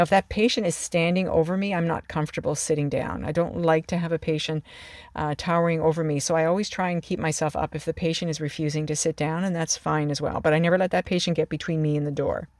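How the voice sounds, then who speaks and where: An emergency department clinician giving an instructional talk in a calm, measured way, often restarting and repeating words. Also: medium pitch, no echo. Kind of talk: instructional talk on calming angry patients.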